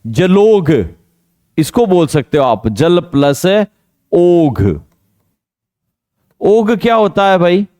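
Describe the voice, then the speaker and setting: A man teaching Hindi grammar in an exam coaching lesson, quizzing students on pronunciation and drawing out key words slowly. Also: high voice, animated, darkish tone, smooth, dry recording, studio quality. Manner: drills pronunciation with repeated questions to students.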